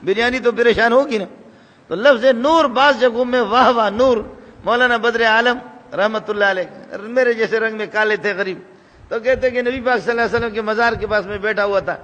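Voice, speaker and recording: A man's voice: sits high, a bit bright. A man preaching a sermon, telling stories with humor and repeating phrases for emphasis. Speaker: religious preacher. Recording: reverberant hall with faint background noise.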